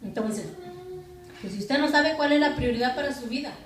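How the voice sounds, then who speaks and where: Woman pastor, high voice, preaching, recorded from afar in an echoey church. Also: normal speed, recorded from a distance, a crowd in the background. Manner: preaching with rhetorical questions to the congregation. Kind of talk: sermon. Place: church hall.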